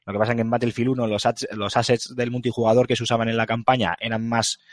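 A man's voice: medium pitch, level tone, quick pace, dry recording, clean studio sound. A man with a Castilian Spanish accent hosting a casual group game discussion, bantering and correcting himself as he goes. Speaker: podcast host.

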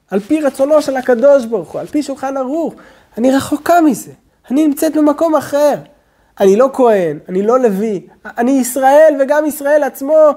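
A male rabbi giving a sermon, speaking slowly and deliberately and often dropping to a low, quiet tone. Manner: slow, deliberate preaching with sudden drops to a low hush.

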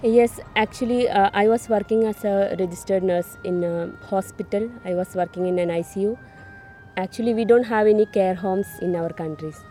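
Hesitant woman from Kerala, mellow voice. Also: medium pitch, normal speed, faint music behind. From India, Kerala. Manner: hesitant, many fillers. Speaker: nurse. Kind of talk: interview answers.

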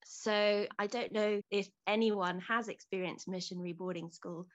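A woman's voice: medium pitch, steady tone, moderate pace, lo-fi sound. A woman from Zambia in her thirties, a podcast guest telling her life story openly and reflectively. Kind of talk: casual interview storytelling.

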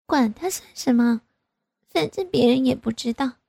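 A woman doing a coy, wheedling young mother, lifted high. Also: a little slow, a little mellow, no room sound, studio quality. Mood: playful. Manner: coy, wheedling, sing-song.

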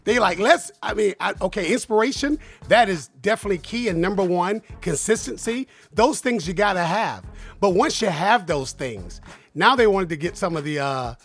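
A man's voice: sits high, lively intonation, normal speed, a bit bright, breathy edge. A man hosting a podcast, enthusiastic and joking, asking long rambling questions. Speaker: podcast host. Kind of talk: casual podcast chat.

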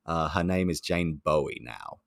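A man's voice: extremely low pitch, normal speed, vocal fry, no echo, studio quality. A young man telling a story in conversation, acting out the other voices in it. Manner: animated storyteller, acts out quoted voices.

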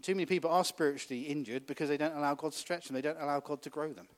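A man's voice: on the high side, steady tone, racing. Chatty man preaching a sermon. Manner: conversational, laughs often, asks the congregation questions.

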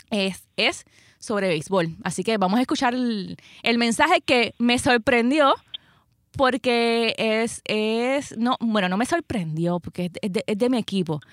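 A woman's voice: mid-range voice, no echo, studio quality. A Puerto Rican woman hosting a casual sports chat, emphatic and often repeating her phrases for weight. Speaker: sports podcast host.

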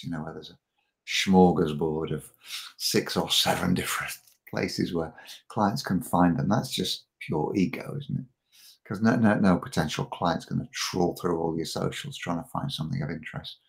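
Middle-aged man guest, deep gravelly voice, stumbling restarts, casual chat. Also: steady tone, moderate pace. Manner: frequent repeated words and restarts. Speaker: podcast guest, marketing coach.

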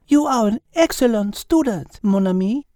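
A woman's voice: fairly high pitch, animated, moderate pace, dark tone, no room sound, studio quality, voice pushed up, close to an everyday voice. A woman voicing an encouraging female teacher with a put-on French accent who drops French words into her explanations. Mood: enthusiastic.

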